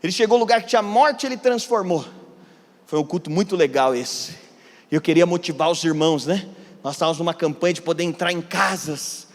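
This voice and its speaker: A Brazilian pastor preaching in a church, his voice sitting high for a man. He tells stories with big swings, dropping to near-whispers and then climbing to loud peaks. The sound carries a long reverb from the hall. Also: brisk. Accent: Brazilian Portuguese. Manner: animated, swings from hushed to shouting. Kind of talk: sermon with storytelling.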